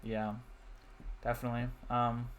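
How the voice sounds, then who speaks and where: A man's voice: mid-range voice, monotone, unhurried. A man hosting a casual podcast chat, talking earnestly with frequent fillers. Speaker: podcast host.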